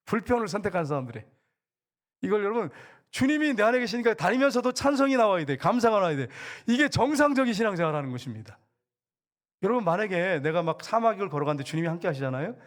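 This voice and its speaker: Middle-aged male pastor, high voice, quick delivery, chatty and animated sermon style. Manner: lively, conversational preaching with acted-out quotes.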